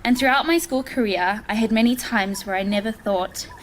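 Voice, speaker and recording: A woman's voice: on the high side, moderate pace, a little hiss or hum. A woman in her late teens giving a graduating student's farewell speech at school, tearful and laughing often mid-sentence. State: tearful, laughing through tears. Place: school hall with audience.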